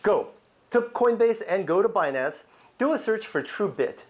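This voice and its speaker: A man's voice: sits high, lively intonation, normal speed. A man hosting an urgent promotional crypto video, talking straight to the viewer in an insistent, repetitive way.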